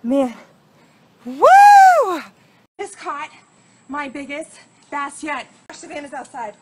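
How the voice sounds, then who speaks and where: A woman vlogging outdoors by freshwater, excitable and whooping, swearing casually as she talks about her catches. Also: sits high, unhurried, very noisy. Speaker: fishing vlogger. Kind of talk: casual outdoor vlog commentary.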